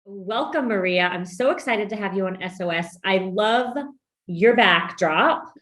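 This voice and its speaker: A woman's voice: mid-range voice, unhurried, fairly bright tone. A woman hosting a business podcast interview, upbeat and emphatic, now and then saying "y'all". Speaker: podcast host and business coach.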